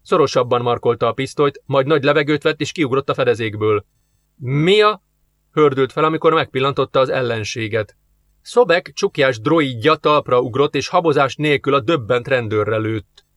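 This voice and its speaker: Male audiobook narrator, steady and measured, mid-pitched, dry close read. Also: no echo. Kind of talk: scripted narration.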